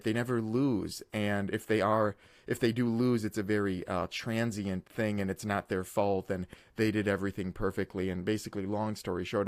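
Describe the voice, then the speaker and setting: Low-voiced man musing aloud, halting. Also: no room sound. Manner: reflective, halting, many filler words and restarts. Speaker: YouTube host. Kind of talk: unscripted solo monologue.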